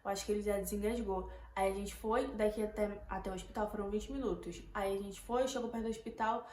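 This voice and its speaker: A woman's voice: medium pitch, steady tone, fast, darkish tone. A young woman with a Brazilian Portuguese accent, retelling a tense night to her viewers in casual, emotional storytelling that keeps repeating words. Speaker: vlogger. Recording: echoey room, faint background noise.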